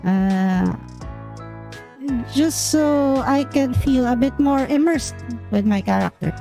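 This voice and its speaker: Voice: sits high, slow pace, gravelly, mellow, faint music behind, voice pushed up, full character voice. A streamer using a voice changer to voice a cute young female penguin persona, chatty and giggly while introducing herself to chat. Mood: cheerful. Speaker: VTuber streamer. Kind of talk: debut stream self-introduction.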